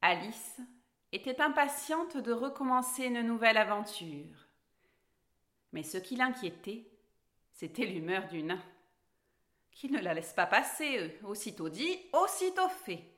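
A woman reading a children's story aloud, expressive and lively. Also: medium pitch.

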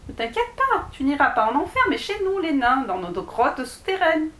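A woman voicing a small male dwarf in a read-aloud storybook, calm and matter-of-fact but easily annoyed. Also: sits high, normal speed, reverberant, a little hiss or hum, pitched above the performer's own voice. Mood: scolding.

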